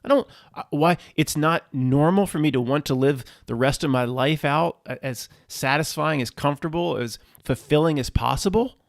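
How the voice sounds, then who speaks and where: A man with a gravelly, creaky voice, recorded close and dry, rants defiantly at unseen powers. He swears freely and stumbles over restarts and repeated words as he pushes his point. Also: fairly high pitch, normal speed, hardly any pauses, no echo. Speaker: channel host. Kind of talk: ranting spiritual monologue.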